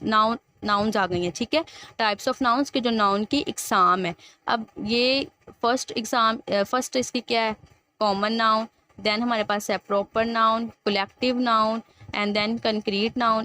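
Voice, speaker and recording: A woman with a fairly high voice teaches an English grammar lesson. She reads the book's text slowly and then explains it patiently. She keeps putting questions to her listener. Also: pushed and bright, no room sound.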